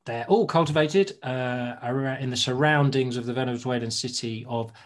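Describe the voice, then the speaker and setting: A man's voice: mid-range voice, moderate pace. A man co-hosting a casual drinks podcast, talking informally and tripping over foreign names. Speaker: podcast co-host. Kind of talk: casual chat about drinks tasting.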